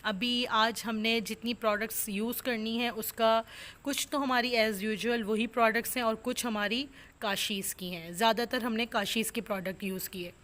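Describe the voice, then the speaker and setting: A woman's voice: on the high side, steady tone, moderate pace, fairly bright tone. A woman makeup artist, narrating a makeup tutorial step by step, explaining products and techniques. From Pakistan. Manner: instructive, step-by-step explanations with many fillers.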